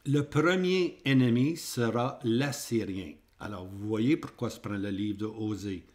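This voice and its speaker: A man's voice: lowish voice, unhurried, a little mellow. A man with a Québécois French accent teaching a Bible prophecy lesson over maps, repeating points and checking in with the class. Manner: repetitive, checks in with "hein?" and "ok?".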